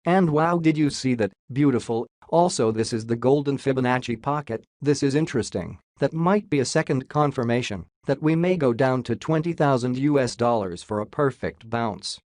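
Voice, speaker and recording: A man's voice: mid-range voice, expressive, moderate pace, few pauses, darkish tone, no room sound, clean studio sound. A man whose voice runs through a robot voice filter, walking casually through price charts and joking as he goes. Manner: jokey, says "lol" aloud. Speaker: crypto chart analyst. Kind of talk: casual screen-share chart walkthrough.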